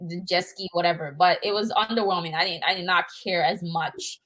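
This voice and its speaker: A woman co-hosting a podcast, offering casual, opinionated takes with a few hedges. Her voice sits on the low side for a woman. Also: fairly even intonation, a little fast, fairly bright tone, poor audio. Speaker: podcast co-host. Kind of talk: casual chat.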